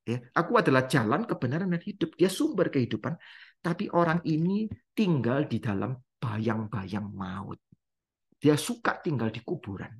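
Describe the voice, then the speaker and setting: A man leads a Bible study as a preacher, putting questions to his listeners and answering them himself. His voice is husky and breathy, and his pitch rises and falls in a lively way as he repeats key words for emphasis. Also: normal speed.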